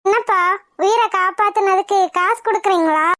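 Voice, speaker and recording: A kind old village grandmother from a cartoon, fussing and brushing off thanks. Her voice sits extremely high and thin, and the sound is close and dry. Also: a little fast, a bit bright, no echo. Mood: protesting.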